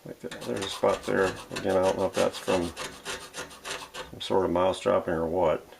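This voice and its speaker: A vintage radio restorer hosts a workshop video, narrating his hands-on work at home in a casual, step-by-step way and muttering his thoughts aloud. His voice sits low and creaky, with fairly even intonation at a moderate pace.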